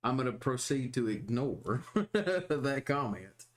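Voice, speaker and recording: A man playing a tabletop role-playing game, talking in a halting way with many fillers and frequent laughs. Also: mid-range voice, very animated. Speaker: player.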